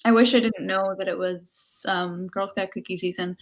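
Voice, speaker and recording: An American woman co-hosting a reading stream, giving measured opinions in casual chat over a video call. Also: mid-range voice, steady tone.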